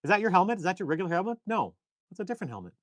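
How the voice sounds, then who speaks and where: A man co-hosting a casual live stream from a shed workshop, talking in long rambling, animated stories. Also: sits high, very fast. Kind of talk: casual chat.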